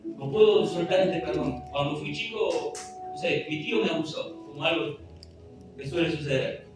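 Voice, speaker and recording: A man preaches a sermon in an earnest, pleading way, his voice sitting a little high. He sounds far from the mic in a strongly echoing hall, with music clearly playing behind him. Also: normal speed. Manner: earnest, pleading, reads scripture aloud. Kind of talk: sermon with scripture reading. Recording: echoey room, distant mic, music behind.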